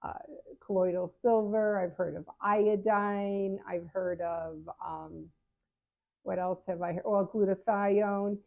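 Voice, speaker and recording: In a narrow, phone-like recording, a seventy-year-old patient advocate talks casually to camera, giving her viewers blunt advice. Her gravelly, medium-pitched voice is slow with fairly even intonation, and she often corrects herself mid-sentence.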